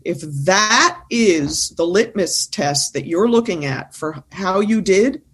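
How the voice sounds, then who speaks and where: A woman's voice: medium pitch, expressive, slow pace, breathy edge. A woman who coaches presentation skills, talking as a guest in an interview and making her points firmly and insistently. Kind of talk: casual interview conversation.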